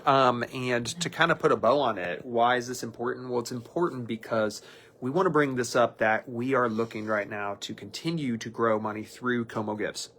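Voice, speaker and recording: A man's voice: mid-range voice, fairly bright tone, a little hiss or hum. Upbeat man hosting a casual interview. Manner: upbeat, thanking guests. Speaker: host.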